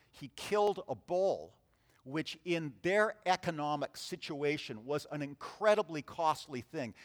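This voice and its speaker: Animated male preacher in a reverberant hall. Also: a little high. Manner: animated storytelling, acts out voices in the scripture reading. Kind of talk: sermon.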